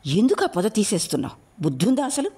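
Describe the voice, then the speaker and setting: A woman's voice: a little high, sing-song, normal speed, voice pushed up. A woman voicing a jealous young wife who speaks sharply and sarcastically in an audiobook. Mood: angry. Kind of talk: audiobook role reading.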